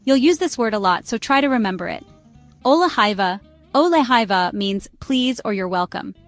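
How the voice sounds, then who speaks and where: A woman giving a scripted travel phrase lesson in an upbeat tone, repeating words slowly so listeners can practice. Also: a little high, lively intonation. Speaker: language tutor. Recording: dry close mic with faint music.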